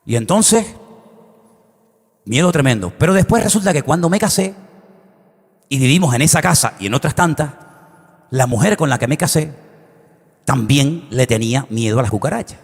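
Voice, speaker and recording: A middle-aged man, preaching a sermon and telling stories, acting out voices and shouting at times. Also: mid-range voice, moderate pace, pauses often, husky. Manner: animated, acts out quoted voices and shouts. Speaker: pastor. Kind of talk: sermon storytelling. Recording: long hall reverb.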